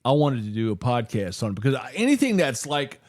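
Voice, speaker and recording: A man's voice: medium pitch, very animated, fast talker, a little mellow. A man co-hosting a podcast in a studio, chatting loosely, joking, laughing and swearing now and then. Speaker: podcast co-host. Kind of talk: casual chat.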